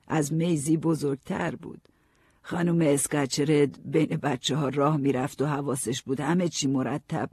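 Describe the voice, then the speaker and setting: Man, calm first-person storyteller, husky voice, dry close sound. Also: on the high side, no room sound. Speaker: narrator. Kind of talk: audiobook narration.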